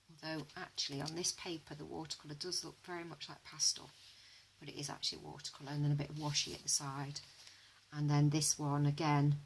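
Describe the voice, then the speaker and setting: A woman, narrating an art journal flip-through in a relaxed, chatty way with frequent ums, hoarse as she loses her voice. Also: slight background noise, poor audio. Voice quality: low, flat and gravelly voice.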